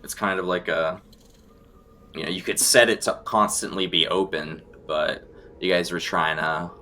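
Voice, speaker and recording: Deep-voiced man narrating as game master. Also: steady tone, sharp tone, a little hiss or hum. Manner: descriptive, deliberate scene-setting. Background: background music.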